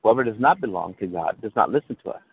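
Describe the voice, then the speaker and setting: A man's voice: on the low side, lively intonation, quick pace, gravelly, slight background noise. Man preaching over a tinny call line. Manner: preaching, checks in with listeners, restarts phrases. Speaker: pastor.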